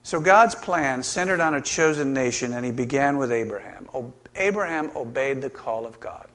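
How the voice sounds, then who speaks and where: A man preaching a sermon in a conversational way, animated and acting out quoted lines, who works as a counselor. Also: mid-range voice, normal speed.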